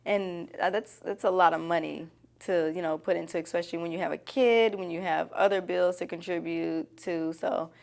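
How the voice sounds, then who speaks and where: Woman, slightly low pitch, candid conversational interview answers. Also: fairly even intonation, moderate pace, vocal fry. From Nashville, Tennessee.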